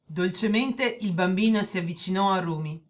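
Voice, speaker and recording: A woman narrating a children's story in a clear, measured way. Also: mid-range voice.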